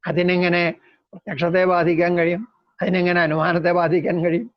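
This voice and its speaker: Man, high-pitched, measured lecturing, step-by-step explanations, muffled lo-fi sound. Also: flat delivery. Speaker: lecturer on Indian logic. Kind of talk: deliberate philosophy lecture. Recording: dull lo-fi recording.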